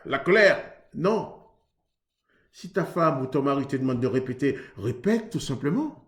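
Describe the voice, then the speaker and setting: A man's voice: medium pitch, sing-song, fairly quick, reverberant. A man from Haiti preaching earnestly on marriage, in a conversational way that acts out both sides of a couple's exchange. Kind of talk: sermon on marriage.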